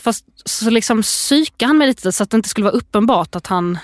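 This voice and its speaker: A woman's voice: fairly high pitch, lively intonation, dry recording, studio quality. A woman co-hosting a casual chat, telling stories animatedly and acting out her toddler's lines. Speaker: podcast co-host.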